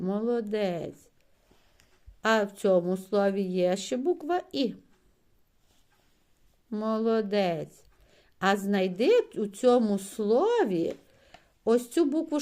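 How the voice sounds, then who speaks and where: Woman teacher, slow and mid-pitched, coaxing one-on-one reading tutor. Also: darkish tone. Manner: patient, coaxing, frequent praise, drawn-out sounds. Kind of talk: one-on-one reading lesson with a child.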